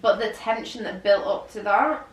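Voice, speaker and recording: A woman co-hosting a casual book podcast, animated, dropping to a hushed tone when she reads lines aloud. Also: mid-range voice, moderate pace, reverberant, recorded from a distance, a little hiss or hum. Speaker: podcast co-host.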